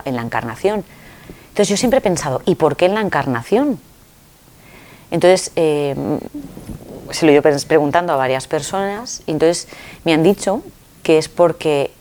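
An animated woman with a lower voice shares a personal testimony as an interviewee. She tells her story expressively, acting out dialogue with sudden jumps in pitch.

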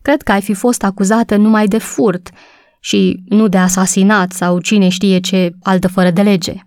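A woman reading a storybook voices an easygoing husband who gently teases his wife. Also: medium pitch, steady tone, no echo, studio quality, natural voice. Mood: teasing. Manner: gently teasing. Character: teasing husband, easygoing man.

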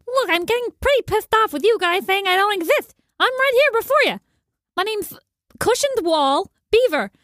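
An indignant squeaky talking beaver. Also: male voice, expressive, normal speed, fairly bright tone, no room sound, clean studio sound, faint music behind. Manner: huffy, insistent.

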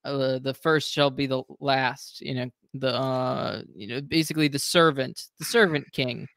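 A man's voice: medium pitch, fairly even intonation, a little slow, a bit bright, dry recording, clean studio sound. A man agreeing in a casual political discussion, hesitant and full of fillers.

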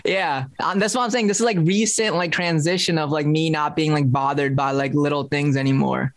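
A man's voice: on the high side, fairly even intonation, fairly quick. A man co-hosting a podcast, chatting in a loose, laid-back way with lots of filler words. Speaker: podcast co-host. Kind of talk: casual chat.

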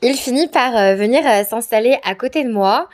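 A woman's voice: on the high side, normal speed, a little mellow. A woman from France telling a personal anecdote in a candid, hesitant, conversational way. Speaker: storyteller. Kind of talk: personal anecdote told to camera.

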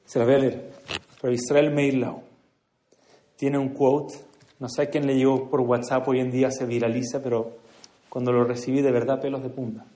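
A man giving an earnest religious speech to a gathering, moving between hushed and emphatic delivery. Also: mid-range voice, flat delivery, normal speed. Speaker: speaker at a community prayer gathering. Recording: echoey room.

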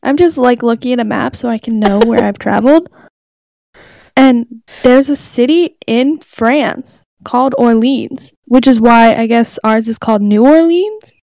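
A woman's voice: fairly high pitch, unhurried, vocal fry, a little mellow, no room sound. Blunt young woman, casual podcast. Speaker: podcast co-host. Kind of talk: casual chat.

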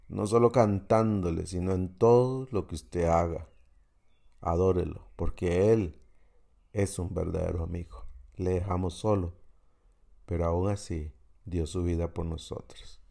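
Low, mellow-voiced man giving a devotional. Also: unhurried, creaky. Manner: earnest, reflective storytelling with scripture readings. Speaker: preacher. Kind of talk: devotional sermon.

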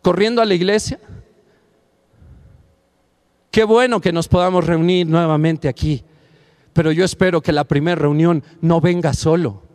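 High-voiced, fervent male preacher. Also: fairly quick. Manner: passionate, rising to near-shouts on key phrases; speaks directly to the listener. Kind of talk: sermon.

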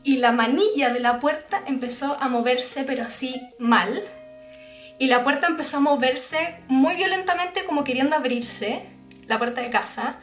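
A young woman with a Chilean accent tells a scary story in a casual chat, full of slang, playing out screams and quoted voices. Her voice sits high. The room echoes, with faint music behind her. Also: moderate pace. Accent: Chilean Spanish.

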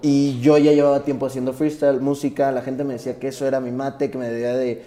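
A man's voice: mid-range voice, level tone, fast, mellow. A young man from Tabasco with a Mexican accent, a rapper telling his story in a casual interview in an earnest, reflective way. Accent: Mexican Spanish. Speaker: guest, rapper.

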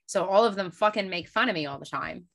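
A woman's voice: medium pitch, fast talker. A woman with a New Jersey accent, co-hosting a casual podcast on a video call, profane and joking. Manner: profane, joking, animated storytelling. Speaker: podcast co-host.

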